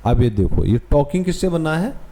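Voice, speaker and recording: A man's voice: a little high, very animated, normal speed, mellow. A man with an Indian accent teaching English to young pupils, patiently repeating words and spelling them out letter by letter.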